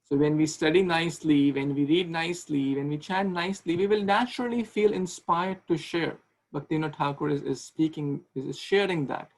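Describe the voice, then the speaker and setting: In a brisk, slightly high voice, a man in his thirties runs a devotional class over a video call, often restarting and repeating himself and posing questions in a conversational way. He's in a small room with a ceiling fan, and the webcam recording is low quality.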